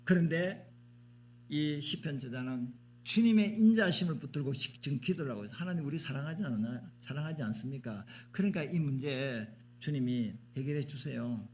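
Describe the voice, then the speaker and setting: A man's voice: mid-range voice, lively intonation, normal speed, darkish tone, highs cut off, a little hiss or hum. A male pastor preaching a sermon in a church, emphatic and repetitive, often asking the congregation questions. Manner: emphatic, repeats words, asks the congregation questions. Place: church sanctuary.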